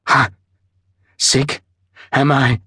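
Man putting on a delirious feverish ex-spy, raspy, breathy, slow, accusing, dry studio audiobook. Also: medium pitch, little pitch movement, sharp tone, no echo, pitched above the performer's own voice, full character voice. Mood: confused. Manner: accusing, snarling, wild. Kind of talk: audiobook character voice.

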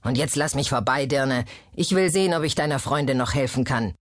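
A woman's voice: very deep voice, a little fast, no room sound, clean studio sound. A woman voicing a stern, dignified older midwife in an audiobook. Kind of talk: audiobook character voice.

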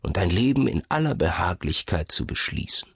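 A man voicing a weary old man who sighs heavily as he talks someone into buying a cursed bottle, speaking low and hushed. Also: very animated, moderate pace, creaky, breathy edge, dry recording, clean studio sound, heavily acted. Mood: weary, persuasive.

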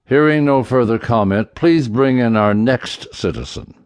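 Man playing a stern impatient king, slow and commanding, dry close sound. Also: mid-range voice, darkish tone, clear, resonant tone, no echo, close to an everyday voice.

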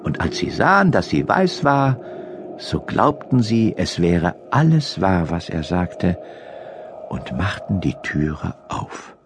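Slow, highly expressive male storyteller. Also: background noise. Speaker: audiobook narrator. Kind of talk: scripted fairy-tale narration. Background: classical music.

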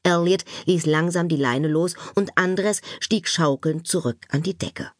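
Husky woman narrating a children's story. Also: lowish voice, measured pace, no echo, clean studio sound. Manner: expressive, playful storytelling. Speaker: audiobook narrator.

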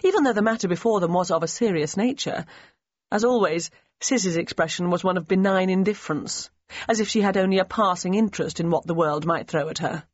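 Lady reading a novel, calm and measured, kinda husky, dull dry recording. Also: fairly low pitch, no room sound. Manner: measured, even storytelling. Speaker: audiobook narrator. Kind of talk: scripted novel narration. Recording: slightly muffled dry studio recording.

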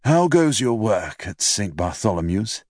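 A man voicing a frail, wry old retired doctor with a raspy voice and dry, unhurried replies. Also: on the low side, big pitch swings, darkish tone, no echo.

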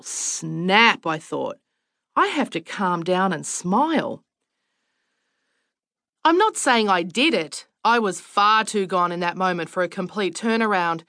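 A woman's voice: medium pitch, a bit bright, dry recording, clean studio sound. A middle-aged Australian woman narrating her own audiobook memoir with wry, self-mocking storytelling. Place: recording studio.

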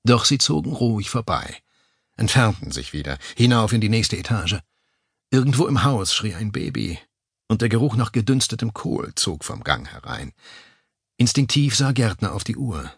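Audiobook narrator, male, low gravelly voice, tense thriller delivery, dry studio sound. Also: big pitch swings, moderate pace, dry recording. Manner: tense, dramatic pacing with sudden pitch jumps. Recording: dry close studio mic.

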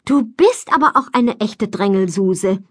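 A woman voicing a drowsy, good-natured mother who gently teases her daughter, in a children's storybook. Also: medium pitch, animated, no room sound, clean studio sound. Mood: fond teasing. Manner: drowsy, drawn-out, fond teasing.

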